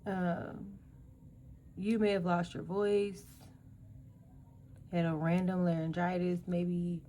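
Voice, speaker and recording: A woman giving a spiritual energy reading as host, speaking haltingly and listing words one at a time with pauses and fillers. She is losing her voice and keeps clearing her throat. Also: fairly low pitch, dark tone, slight background noise. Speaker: energy reader.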